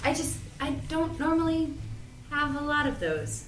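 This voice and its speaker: A young woman reads the part of an earnest, self-doubting young shop worker at an audio drama cast read-through, her delivery informal and expressive. Her voice sits high, at a normal speed, with an awkward but friendly mood. The echoey room is picked up on a distant mic, giving a roomy, echoing sound with background noise.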